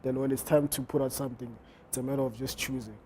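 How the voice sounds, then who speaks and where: A fashion designer being interviewed about his brand answers fast, his medium-pitched voice steady and warm. He sounds hesitant, full of fillers and restarts, and there's slight background noise.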